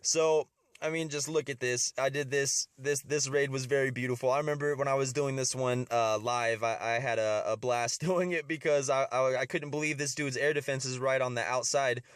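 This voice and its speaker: A man's voice: medium pitch, fairly even intonation, moderate pace, clear, resonant tone, no room sound, studio quality. A man with a slightly stuffy nose from a cold, giving casual gameplay commentary as host of a strategy video and often repeating his words.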